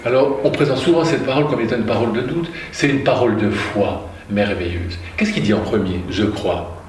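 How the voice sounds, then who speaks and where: A man's voice: mid-range voice, brisk, slight background noise. A man preaching a sermon, reading scripture aloud and commenting with questions to his listeners. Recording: roomy, from far off, faint ambience.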